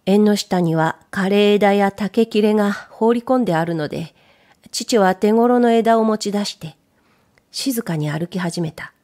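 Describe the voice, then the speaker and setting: Calm mellow Japanese woman narrating. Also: medium pitch, unhurried. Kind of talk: scripted narration of a period story.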